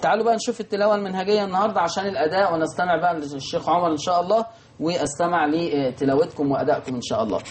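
A man with an Egyptian Arabic accent teaching Quran recitation rules, answering imagined student questions and chanting verses slowly. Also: a little high, slight background noise. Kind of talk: televised recitation lesson.

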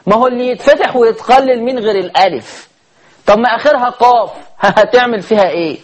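Egyptian man, high voice, tajweed teacher who quizzes his students with rhetorical questions and chants verses slowly. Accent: Egyptian Arabic. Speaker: Quran recitation teacher. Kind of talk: tajweed lesson.

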